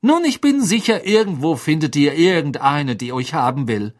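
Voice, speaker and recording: A man voicing a haughty, clever teenage girl who talks in a snippy, pitched-up way. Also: animated, normal speed, natural voice.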